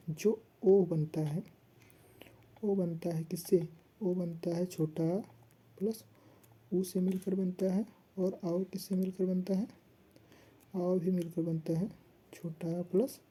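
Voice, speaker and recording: A woman teaching an exam-prep class, who asks the class questions, answers them herself and slowly chants rules for them to repeat. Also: fairly low pitch, dark tone, a little hiss or hum.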